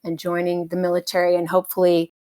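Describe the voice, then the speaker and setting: In a laid-back interview, a helicopter pilot from the US answers questions thoughtfully. She's middle-aged with a slightly low voice, and her replies come with plenty of fillers, brief hesitations and easy laughs.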